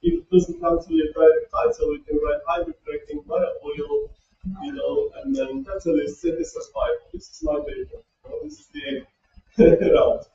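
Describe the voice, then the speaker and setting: Male workshop lecturer, lively sing-song delivery, gravelly edge. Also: extremely high pitch, moderate pace. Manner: chatty, laughs often, fills with "you know". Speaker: workshop speaker. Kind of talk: lecture on academic writing. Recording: roomy, distant, dull sound.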